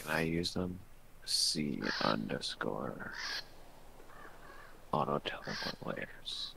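Very deep, gravelly voice-changer voice. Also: male voice, expressive, takes it slowly, pushed and bright, slight background noise, low-quality recording. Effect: voice changer making the voice deeper. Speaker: game player. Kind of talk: casual chat while playing a video game.

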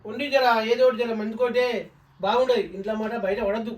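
A man's voice: extremely high pitch, fairly even intonation, far from the mic, highs cut off. A man with a Telangana Telugu accent acting a brother and husband in a village comedy sketch, scolding and insistent. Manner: scolding, insistent, rapid talk.

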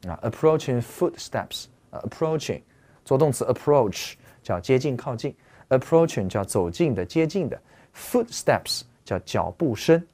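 Animated man teaching English vocabulary. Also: medium pitch, measured pace. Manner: animated, asks listeners rhetorical questions, repeats key words. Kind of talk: explanatory lecture.

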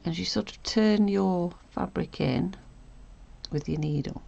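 Low gravelly-voiced woman. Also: measured pace, muffled recording. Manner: chatty, self-correcting, often drops to a soft murmur while working. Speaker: sewing tutorial host. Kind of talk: casual stitching tutorial.

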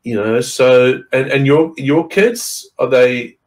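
A middle-aged man from Zimbabwe, a wreck diver, joins a podcast by video call from a room at home with a window. He speaks slowly in a mid-range voice, chatting casually and rambling with many fillers and restarts.

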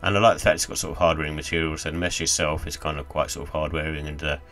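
A man's voice: rumbling low, little pitch movement, fast, fairly bright tone, soft background music. A man giving a casual, rambling sneaker review voice-over, full of fillers like "sort of" and "kind of".

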